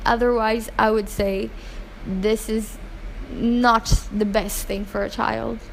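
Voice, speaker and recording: In casual interview answers, a Pakistani woman raised in Hong Kong speaks in a slightly high voice that is flat, slow and touched with vocal fry. She comes across as earnest and opinionated, using many fillers, restarts and self-corrections. The audio is poor, with a faint hiss underneath.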